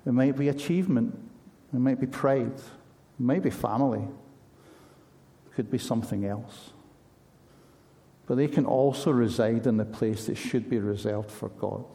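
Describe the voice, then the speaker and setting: A man's voice: medium pitch, measured pace, creaky, mellow. A man preaching a sermon in an earnest, conversational way, asking his listeners pointed questions.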